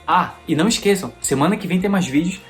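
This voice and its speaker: A man's voice: sits high, fast. A man from Recife, narrating a travel vlog voice-over in a friendly, upbeat way, with music playing underneath. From Recife, Brazil. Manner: friendly, upbeat, recommending places. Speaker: travel vlogger. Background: background music.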